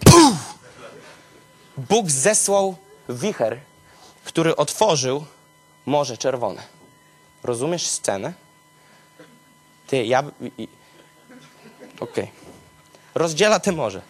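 A man preaching in an animated storytelling style, talking straight to his listeners and swinging from low murmurs to high exclamations. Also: slow, long pauses, slightly rough.

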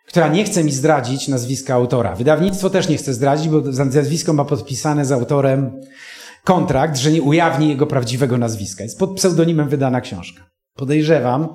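A man's voice: medium pitch, a little mellow, reverberant. A man in his fifties from Poland, preaching in an earnest, emotional storytelling manner and speaking directly to his listeners. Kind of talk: sermon with personal storytelling.

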